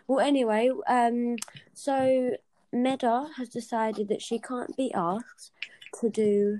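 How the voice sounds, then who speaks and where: A woman's voice: on the high side, steady tone, takes it slowly, warm tone. A young woman, hosting a casual podcast chat and telling stories with giggles. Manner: chatty storytelling, giggly. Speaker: host.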